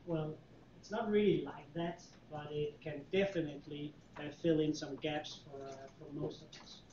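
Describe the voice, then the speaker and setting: A middle-aged Danish consultant gives a relaxed, chatty tech presentation to a user group in a meeting room, full of fillers and restarts. His Danish-accented voice is fairly high and at normal speed. The recording is echoey and dull lo-fi from a distant mic, with a little hiss or hum.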